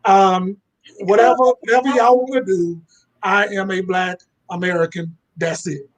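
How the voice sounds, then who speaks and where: A man speaks his mind as a panel guest, blunt and emphatic. His voice sits fairly high for a man. The sound comes through a video call. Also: fairly even intonation, a little slow. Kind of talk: casual talk on a live video call.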